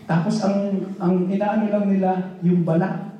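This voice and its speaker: High-pitched pastor in an echoey hall. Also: male voice, flat delivery, normal speed, far from the mic, dull audio. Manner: loose Taglish preaching with rhetorical "di ba?" asides. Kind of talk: sermon. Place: church hall.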